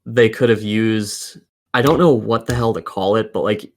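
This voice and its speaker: A man co-hosts a casual podcast about video games, sharing strong opinions with plenty of swearing. His voice is fairly low and his pace moderate.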